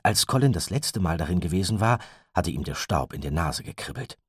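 A man reads a story aloud with a very deep, slightly husky voice. His pitch moves expressively through the telling, and the sound is dry and close. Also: animated, fairly quick, no room sound. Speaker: audiobook narrator. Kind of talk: scripted story narration.

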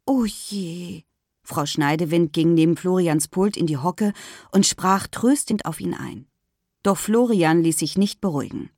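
A woman narrating a children's storybook in a lively, expressive reading voice. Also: lowish voice, moderate pace, no echo, studio quality. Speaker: audiobook narrator.

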